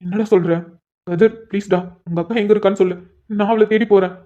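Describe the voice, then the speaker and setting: A man's voice: high-pitched, fairly even intonation, fast, dark tone, natural voice. A man voicing an anxious, lovesick police officer in a storybook cartoon, pleading and stammering when upset. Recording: dull lo-fi sound.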